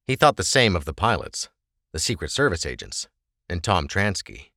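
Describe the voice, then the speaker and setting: A man's voice: low voice, sing-song, moderate pace, vocal fry, sharp tone, no echo. A man narrating an audiobook with a dramatic, varied delivery on a close microphone.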